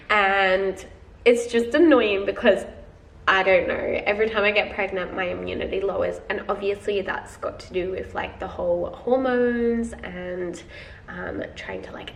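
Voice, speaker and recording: Speaking with vocal fry at a medium pitch, a young vlogger nursing a head cold addresses her "guys" in a filler-heavy, chatty video diary. The audio is roomy and slightly distant, with a faint hiss.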